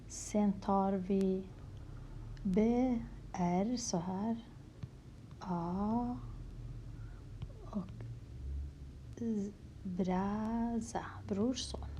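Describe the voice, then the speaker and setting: Soft-spoken woman teaching letters. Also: mid-range voice, slight background noise. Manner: slow, patient, repeats words, often drops to a whisper. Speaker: language teacher. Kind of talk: handwriting lesson in Kurdish letters, explained in Swedish.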